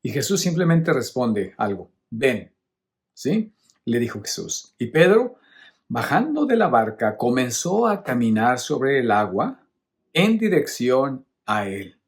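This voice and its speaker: Male priest, homily, patient teaching tone, mid-pitched voice, keeps asking listeners to follow along. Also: big pitch swings, measured pace. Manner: teacherly, often checks in with the listeners. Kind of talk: explanatory homily on a Bible reading.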